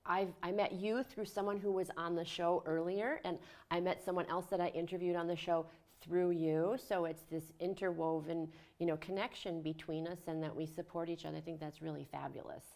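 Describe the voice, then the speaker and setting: A woman's voice: lowish voice, fairly even intonation, brisk, few pauses, darkish tone. A woman hosting a community TV talk show, reading an upbeat introduction and then chatting with her guest. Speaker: show host. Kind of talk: community TV interview.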